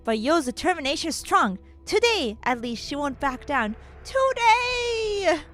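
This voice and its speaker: A woman streaming a visual novel playthrough, reading its narration aloud and reacting with animated, giggly, slangy commentary. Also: sits high, moderate pace, soft background music.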